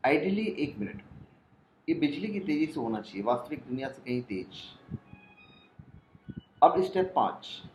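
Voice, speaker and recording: A man talks through a self-help technique one step at a time, in a steady, explanatory manner. His voice sits at a middle pitch. The recording sounds roomy, with a faint hiss underneath. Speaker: self-help video narrator. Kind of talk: scripted instructional narration. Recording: echoey room with faint noise.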